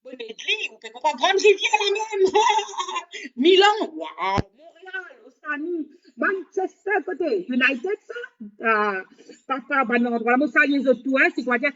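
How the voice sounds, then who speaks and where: A woman hosting a live stream, talking in a rambling monologue with halting, repetitive, broken phrasing. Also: high-pitched, expressive, a bit bright. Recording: dull lo-fi sound.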